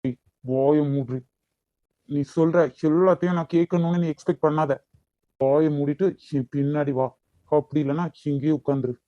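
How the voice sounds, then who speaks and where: A man's voice: a little high, steady tone, moderate pace, mellow, no room sound, lightly acted. A man voicing a bossy hot-tempered young lover. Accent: Kanyakumari Tamil. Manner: demanding, brusque. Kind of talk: cartoon voice acting. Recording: dull lo-fi recording.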